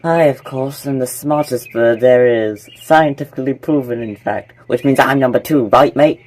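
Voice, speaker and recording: A man's voice: medium pitch, moderate pace, a little mellow, natural voice. A man voicing a boastful, smug bird who thinks he is the smartest.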